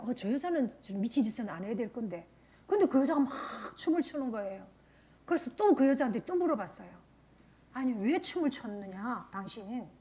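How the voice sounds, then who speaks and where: A woman pastor preaching a sermon, telling stories and acting out the voices of people she quotes. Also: high voice. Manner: animated storytelling, acts out voices in quotes. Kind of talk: sermon with storytelling.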